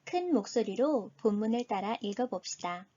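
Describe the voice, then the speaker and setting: A woman's voice: a little high, lively intonation, mellow, no echo, highs cut off. Patient woman teaching Chinese. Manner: patient explaining, models pronunciation slowly. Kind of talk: recorded online lesson.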